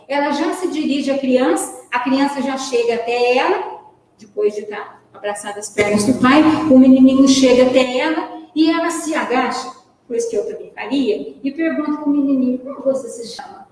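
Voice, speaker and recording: A woman's voice: high-pitched, a little mellow, a little hiss or hum. A woman giving a spiritist lecture, telling a story with emotion and speaking directly to her listeners. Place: spiritist centre hall. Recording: echoey hall from far off.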